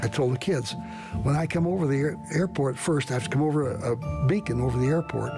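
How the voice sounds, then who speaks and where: An older man recounting his own wartime experience as a pilot, earnest and halting, with frequent restarts. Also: medium pitch, creaky, over music. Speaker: veteran pilot telling a story. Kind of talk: storytelling, archival recording.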